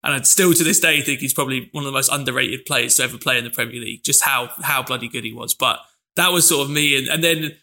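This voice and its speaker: Twenty-something guy, really bright voice with some gravel, easygoing chat. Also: mid-range voice, fast talker. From London, England. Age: 20s. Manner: easygoing, reminiscing with fillers. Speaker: podcast co-host. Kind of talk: casual chat.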